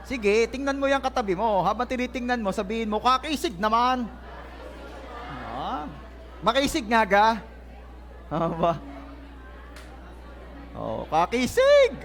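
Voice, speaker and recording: In a church hall, a pastor gives a lively, playful sermon, joking with his congregation at a moderate pace. His high voice is expressive and fairly bright, while the faint crowd of the service can be heard laughing and responding.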